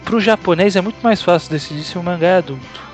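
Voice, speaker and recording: A man's voice: high-pitched, quick pace, soft background music. A man with a Brazilian Portuguese accent co-hosting a casual podcast, joking around and reading listener emails. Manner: jokey, reads listener emails aloud. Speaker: podcast co-host.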